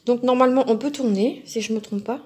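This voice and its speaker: Female crafting host, slightly raised pitch, casual rambling unboxing chat full of fillers. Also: fast, darkish tone, a little hiss or hum. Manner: chatty and self-talking, musing aloud with many fillers.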